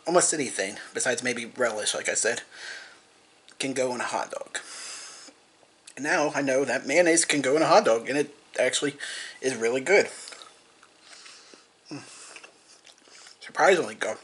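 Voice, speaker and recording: A man's voice: mid-range voice, normal speed, pauses often, a bit bright, a little hiss or hum. A young man casually rambling in a food-tasting vlog, repeating himself and talking with his mouth full. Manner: rambling, repetitive, eats and talks with mouth full. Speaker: vlogger.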